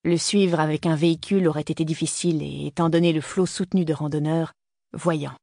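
A man's voice: on the high side, steady tone, fairly quick, vocal fry, dark tone, dry recording. Man reading an audiobook, dry sound. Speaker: audiobook narrator. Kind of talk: scripted narration.

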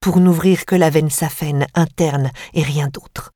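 A woman voicing a disturbed young woman, eerily calm and obsessive, in a slow, low murmur for an audiobook. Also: no echo, studio quality. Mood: eerie calm.

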